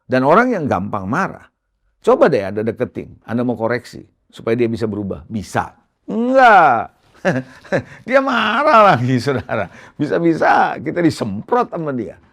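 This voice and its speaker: A male pastor giving a conversational sermon in speech, often addressing listeners directly and stressing points with sharp rises. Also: moderate pace, creaky, no echo, studio quality. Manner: lively pitch swings for emphasis.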